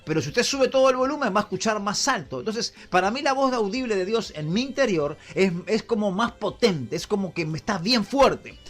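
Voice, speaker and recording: Lively high-pitched male preacher. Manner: preaching with call-and-response prompts to the congregation. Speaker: pastor. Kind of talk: sermon.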